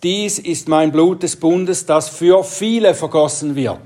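A man preaching a Bible teaching sermon, speaking deliberately and trailing off into quiet asides. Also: fairly high pitch.

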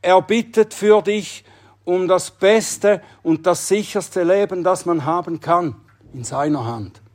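A male preacher with a fairly high voice delivers a sermon at an unhurried, deliberate pace. He speaks earnestly and with emphasis, sinking to a near hush on key words.

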